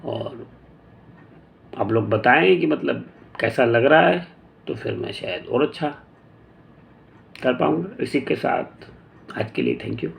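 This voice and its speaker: A man giving a casual motivational talk, unhurried, thinking aloud with pauses and restarts and mixing in English phrases. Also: mid-range voice, creaky. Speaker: motivational speaker.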